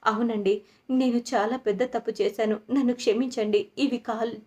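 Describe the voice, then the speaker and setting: A woman's voice: on the high side, steady tone, moderate pace, dark tone, lightly acted. A woman voicing a guilt-ridden older woman who pleads and begs forgiveness in a retold serial scene. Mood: pleading. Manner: pleading, repeatedly begging forgiveness.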